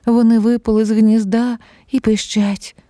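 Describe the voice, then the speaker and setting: Mellow woman reading a fairy tale. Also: a little high, little pitch movement, normal speed, dry recording, studio quality. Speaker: narrator. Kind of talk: scripted fairy tale narration.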